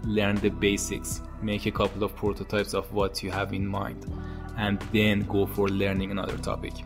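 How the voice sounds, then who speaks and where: This tutorial channel host, a man in his thirties with an Iranian accent, has a gravelly voice and a moderate pace. He calmly gives scripted advice to camera through a boom-arm podcast mic in a home studio decorated with monitors and posters, as soft music plays underneath.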